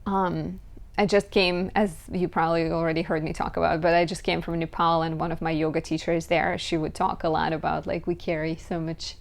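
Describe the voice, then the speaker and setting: Chatty woman astrologer, slightly low voice. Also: a little fast, creaky. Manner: chatty, lively, frequent "like". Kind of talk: casual horoscope talk.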